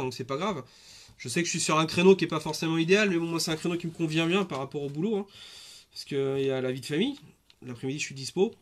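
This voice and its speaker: Male streamer, 30s, high-pitched, loose rambling live chat with lots of fillers. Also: a bit bright. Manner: chatty, rambling with many fillers and restarts.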